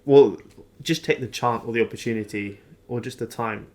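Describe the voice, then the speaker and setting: A young man chatting casually and informally, often halting and rephrasing mid-sentence. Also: medium pitch, darkish tone. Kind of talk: casual chat.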